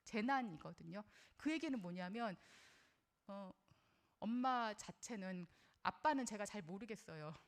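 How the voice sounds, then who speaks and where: A woman's voice: medium pitch, lively intonation, unhurried. Middle-aged woman, lecture talk, earnest, conversational, personal, questions to audience. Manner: personal, shares her own experience as a mother. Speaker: parenting lecturer. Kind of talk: recorded parenting lecture.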